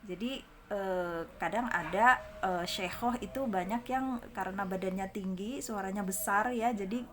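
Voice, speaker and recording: A woman's voice: mid-range voice, unhurried, fairly bright tone, slight background noise. A woman with an Indonesian accent teaching conversational Arabic in a casual spoken lesson. She tags her sentences with "ya". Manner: frequent "ya" tags, demonstrates phrases in a raised voice.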